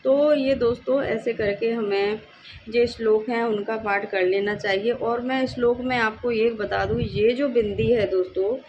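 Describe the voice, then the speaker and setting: Slow-talking woman teaching scripture recitation. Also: a little high, steady tone. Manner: slow, careful recitation of verses. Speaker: devotional video host. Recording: dull lo-fi home recording with faint noise.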